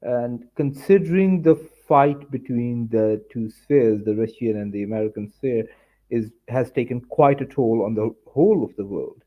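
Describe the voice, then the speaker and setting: A man giving his views in a casual political discussion who speaks in a measured way and hedges his points. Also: medium pitch, phone-quality sound.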